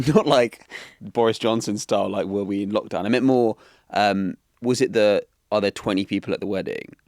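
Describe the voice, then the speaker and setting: A young man co-hosting a wedding podcast, soft-spoken and easygoing in casual chat. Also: lowish voice, normal speed, dry recording, clean studio sound. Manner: soft-spoken and easygoing, quiet next to his co-host. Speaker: podcast co-host.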